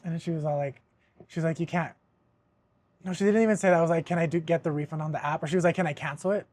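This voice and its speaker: A man's voice: a little high, rapid-fire. Young man ranting, swearing a lot. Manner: animated, swears a lot, laughs while telling a story. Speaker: podcast host. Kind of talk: casual storytelling chat.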